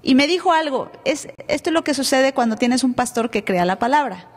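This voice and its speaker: A woman pastor from Mexico with a Mexican accent, telling her testimony in an animated sermon style. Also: sits high, fairly quick. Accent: Mexican Spanish. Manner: animated storytelling, acting out dialogue. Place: church. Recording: reverberant church live stream.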